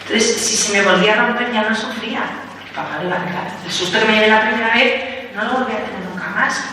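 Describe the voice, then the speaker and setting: A woman from Spain giving a spiritual talk as a Carmelite nun, telling childhood stories in a lively way and acting out what people said. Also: fairly high pitch, quick pace. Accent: Spain Spanish. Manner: lively storytelling, acts out quotes. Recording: echoey hall from far off, faint noise.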